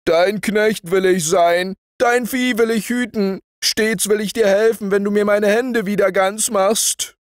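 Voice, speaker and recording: A man doing a high pleading giant. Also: fairly even intonation, measured pace, few pauses, no room sound, clean studio sound. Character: huge pleading male giant.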